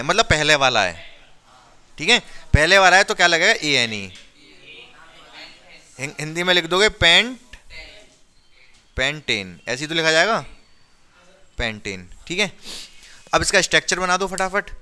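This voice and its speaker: A man's voice: on the high side, sharp tone, clean tone. A man teaching a chemistry lesson to a class, talking students through each step and constantly checking they follow. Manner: questioning, drills students with repeated checks. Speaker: science teacher.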